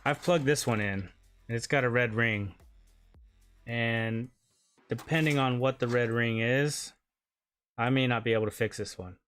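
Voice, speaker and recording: A man talks slowly and loosely while he tinkers with old game consoles, muttering half to himself and half to his viewers. His pitch sits in an ordinary middle range, with quiet music playing behind him. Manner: relaxed, mutters to himself while working, swears casually. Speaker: repair channel host. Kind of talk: casual livestream chat while repairing consoles.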